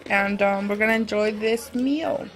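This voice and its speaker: A woman's voice: medium pitch, measured pace. Woman chatting casually over a meal. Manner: talking while eating. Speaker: vlogger and mother. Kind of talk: casual chat to viewers.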